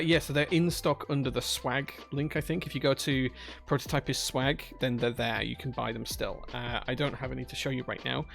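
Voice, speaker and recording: Gravelly and medium in pitch, this Yorkshire-accented man builds keyboards on stream. He rambles and jokes as he reads out messages from his viewers.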